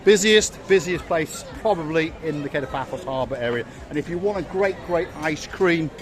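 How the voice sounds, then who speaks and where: Outdoors on a busy harbour front one evening, a North Wales man with a Welsh accent hosts a walking vlog, guiding the camera and joking with strangers he meets. His voice is fairly high, expressive and at normal speed, and his manner is jokey, upbeat and chatty. Crowd chatter can be heard behind him.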